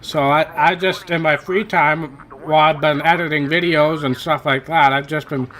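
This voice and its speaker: In a rough recording, a gaming channel host with a voice on the high side, fairly bright and fairly even in intonation, talks at normal speed through a racing game. His commentary is rambling, chatty, and self-correcting, and his voice is worn after hours of talking.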